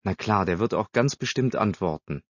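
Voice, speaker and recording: A man voicing a nervous, sharp-tongued teenage girl in a storybook reading, snappy and dismissive. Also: lowish voice, lively intonation, normal speed, dry recording. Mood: snippy. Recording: slightly dull dry recording.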